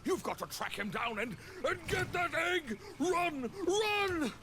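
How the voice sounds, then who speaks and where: A man voicing an urgent male dragon elder in a video game, pleading and gravelly. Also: extremely high pitch, big pitch swings, takes it slowly, noisy background, heavily acted. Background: game music.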